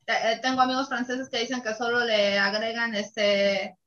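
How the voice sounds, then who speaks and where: Chatty woman host, bright tone, dull studio sound. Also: a little high, level tone, normal speed. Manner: chatty, laughs often. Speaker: radio show host. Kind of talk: casual radio talk show.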